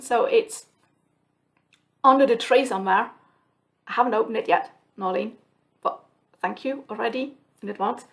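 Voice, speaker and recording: Speaking alone at home, a Swiss woman who hosts a flosstube channel chats in a slightly high, a bit bright voice. Her native tongue is Swiss German; the talk is a casual, rambling, reflective monologue to camera, peppered with ums and restarts.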